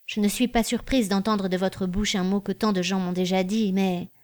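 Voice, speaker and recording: A woman's voice: mid-range voice, steady tone, normal speed, a little mellow, natural voice. Woman reading as a proud provincial baroness. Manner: proud, moved but teasing.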